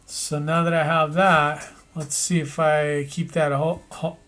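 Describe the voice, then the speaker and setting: A man narrating an animation tutorial, thinking aloud as he works, with pauses and restarts. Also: fairly high pitch, flat delivery, a bit bright.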